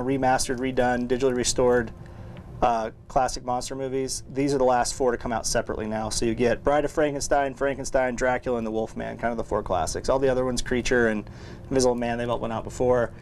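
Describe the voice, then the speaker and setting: A man's voice: mid-range voice, fairly even intonation, quick pace, a little hiss or hum. A man hosting a casual weekly store update, talking loosely about new movie releases with fillers and restarts. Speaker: record store host.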